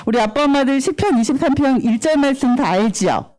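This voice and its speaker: A woman in her thirties giving a lively children's sermon, acting out little children and bible characters as she goes. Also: high voice, fairly quick. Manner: animated, acts out children's cries and bible characters. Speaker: children's ministry preacher.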